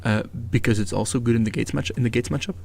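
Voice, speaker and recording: A man's voice: mid-range voice, rapid-fire, vocal fry, slight background noise. A man commentating a live card game match, analytical, chatty and given to jokes. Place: event venue.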